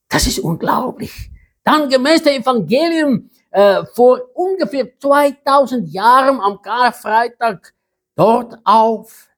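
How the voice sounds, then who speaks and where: A preacher giving a sermon in a slow, emphatic way, with dramatic pauses. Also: medium pitch.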